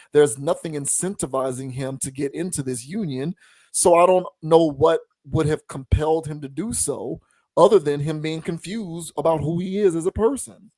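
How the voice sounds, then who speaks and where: A man hosting a podcast, giving his opinions in a measured, deliberate, somewhat preachy way. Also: on the high side, warm tone, dry recording. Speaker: podcast host. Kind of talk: opinion commentary.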